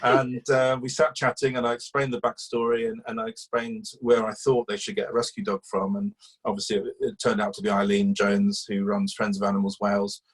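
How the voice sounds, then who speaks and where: A man's voice: on the low side, little pitch movement, a little fast, husky, low-quality recording. A man, a campaigner telling a long chatty story in an interview, rambling with fillers and restarts. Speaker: guest, animal welfare campaigner.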